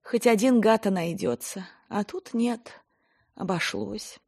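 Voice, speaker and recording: A woman's voice: mid-range voice, slow pace, creaky, a little mellow, slightly rough, pitched above the performer's own voice, heavily acted. Woman doing a blunt, stern village woman. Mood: stern storytelling. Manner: plain-spoken storyteller, blunt and earthy.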